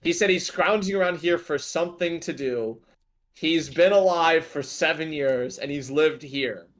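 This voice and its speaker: A man runs a tabletop game, narrating in a loose, slangy way. His voice sits a little higher than most men's. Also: measured pace. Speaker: game master.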